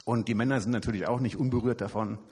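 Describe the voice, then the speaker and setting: A man's voice: mid-range voice, fairly even intonation, quick pace, a little mellow, husky. A man preaching as a youth evangelist, talking casually and chattily to the congregation through a handheld microphone. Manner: chatty, informal, self-deprecating humor. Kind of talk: casual sermon with jokes. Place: church service hall. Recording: hall reverb from a church room.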